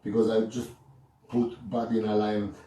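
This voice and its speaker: Male massage therapist, calm, keeps saying don't worry, roomy room, mic far off. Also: fairly low pitch, a little fast. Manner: reassuring, repeats "don't worry", counts aloud. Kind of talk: casual talk while treating a client. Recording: roomy room, distant mic, faint noise.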